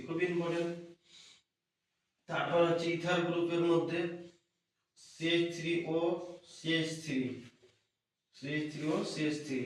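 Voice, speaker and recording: Echoey lecturing man, distant mic. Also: on the high side. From West Bengal. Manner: asks questions and answers them himself. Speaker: teacher. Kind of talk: exam revision lesson. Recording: echoey room from far off.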